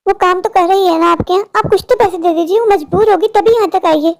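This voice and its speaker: A rich man's wife from a cartoon, fussing over her husband, voiced by a woman. She speaks in a very high voice, gently concerned. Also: quick pace.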